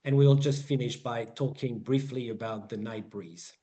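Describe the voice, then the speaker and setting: A man's voice: mid-range voice, normal speed, mellow. A man with a French accent teaching a sailing weather lesson over an online presentation, explaining step by step with many fillers and restarts.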